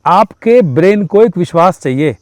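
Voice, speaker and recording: A man's voice: high-pitched, expressive, moderate pace, darkish tone, dry recording. A man giving advice in a talk show, emphatic, acting out little dialogues and mixing in English phrases. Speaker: guest speaker.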